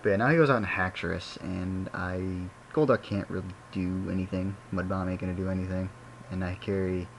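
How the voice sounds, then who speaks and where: Young man, deep voice, chatty rambling game commentary over a faint background hiss. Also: rough recording. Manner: rambling, self-correcting, chatty. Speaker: gaming commentator.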